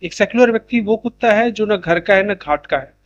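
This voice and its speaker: A man's voice: high-pitched, animated, a little fast, muffled recording. A man giving an opinion monologue to camera, insistent and full of rhetorical questions. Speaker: YouTube commentator.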